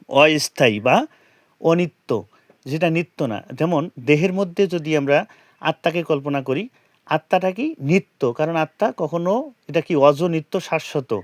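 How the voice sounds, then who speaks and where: Guy slowly chanting and explaining a scripture verse, kinda high voice, dry close sound, keeps asking questions. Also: no echo. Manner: slow and careful, chanting verse lines syllable by syllable; asks rhetorical questions to the listener. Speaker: Gita teacher. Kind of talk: explaining scripture pronunciation and meaning.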